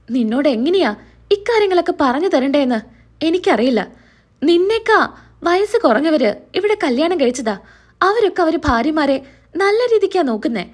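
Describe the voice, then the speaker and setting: A woman voicing a reproachful older sister who lectures her younger brother. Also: high-pitched.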